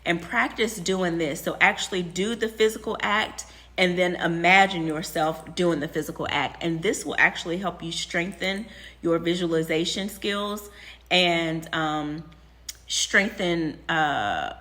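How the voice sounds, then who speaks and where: A young woman talking quietly, half-whispering, as she shares advice from an empty classroom. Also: fairly low pitch, a little slow. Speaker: vlogger. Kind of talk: casual spoken advice.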